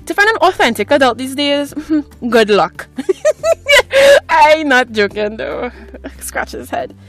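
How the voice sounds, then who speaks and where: A woman's voice: sits high, sing-song, slow pace, faint music behind. A woman in her twenties hosting her own podcast from a closet at home, talking in a chatty, rambling, self-mocking way. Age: 20s. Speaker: podcast host. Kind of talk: casual solo podcast chat. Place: small clothes closet at home.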